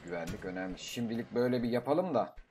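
A young man giving casual gameplay commentary, talking to himself, swearing and breaking into excited outbursts. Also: mid-range voice, quick pace, a little hiss or hum. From Turkey. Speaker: gaming YouTuber.

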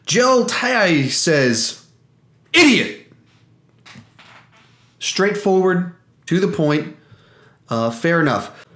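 A man in his thirties from the United States, a movie vlogger chatting casually to camera and reading out comments with wry sarcasm and expressive emphasis. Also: on the high side, slow. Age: 30s. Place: indoor room with painted walls, seated. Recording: roomy, echoing indoor room.

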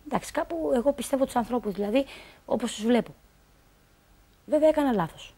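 A woman's voice: on the high side, mellow, husky. A woman telling a personal story on a talk show, rambling along, quoting what others told her and filling gaps with stock phrases.

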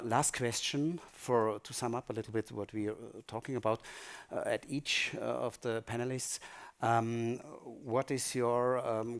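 A man's voice: mid-range voice, gravelly. A man moderating a panel discussion on a conference stage, asking brief prompting questions with many fillers. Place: conference hall stage, indoors.

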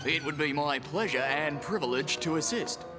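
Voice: mid-range voice, normal speed, music in the background, close to an everyday voice. An actor voicing a brainy, courteous cat police expert with an erudite, formal manner in a cartoon. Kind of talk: animated cartoon acting.

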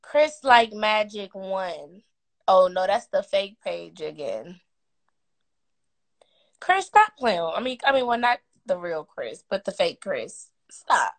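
A woman's voice: mid-range voice, animated, measured pace. A young woman casually chatting and laughing with viewers on a phone live stream, teasing and playful. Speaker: livestream host.

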